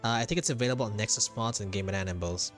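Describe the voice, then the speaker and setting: Over video game music, a man with a fairly low, slightly bright voice talks very fast. He casually commentates live on a game playthrough, thinking aloud hesitantly and repeating himself.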